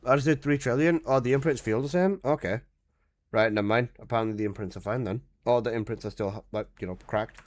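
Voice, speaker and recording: This fast-talking man in his twenties is casually chatting on a live game stream, his voice at a medium pitch. He voices chat messages, protests at full volume, and swears casually.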